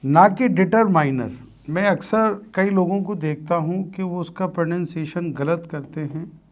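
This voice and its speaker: A man teaching a grammar lesson for exam students, speaking deliberately and quizzing his listeners by repeating key terms as questions. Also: sits high.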